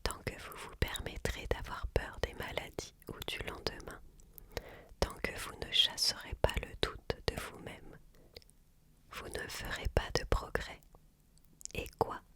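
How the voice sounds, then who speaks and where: Slow, hushed library whisper, ASMR reading. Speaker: ASMR reader.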